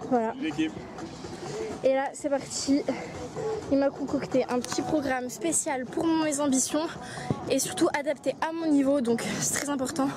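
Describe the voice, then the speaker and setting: A woman's voice: high-pitched, fairly even intonation, normal speed, pauses often, over music. A young woman vlogging her day, chatting straight to her viewers and sometimes dropping to a whisper. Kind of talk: casual day-in-the-life vlog. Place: outdoors and at home, moving through the day.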